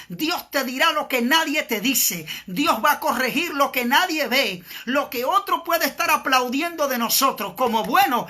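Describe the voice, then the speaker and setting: Evangelist guy preaching hard, high bright voice, keeps hammering the point. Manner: urgent, repetitive, exhorting. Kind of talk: sermon.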